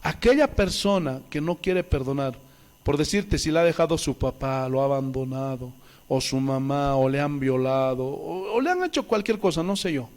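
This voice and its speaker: A man's voice: fairly high pitch, normal speed, a little mellow. A male pastor, preaching a sermon with emphatic rhetorical questions and reading scripture aloud. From Bolivia.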